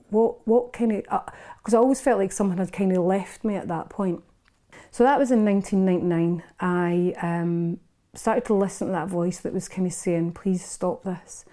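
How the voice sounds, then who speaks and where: A woman's voice: medium pitch, mellow. A Scottish woman in her fifties, a podcast guest, telling her life story in a frank, unguarded way with frequent restarts. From Scotland. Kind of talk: candid personal storytelling in a casual interview.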